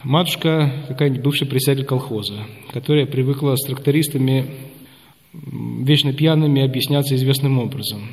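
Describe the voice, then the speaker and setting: Hesitant priest in a reverberant hall. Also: male voice, medium pitch, fairly quick, darkish tone. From Russia. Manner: hesitant, many filler sounds, rambling anecdotes. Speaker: Orthodox priest. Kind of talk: interview storytelling.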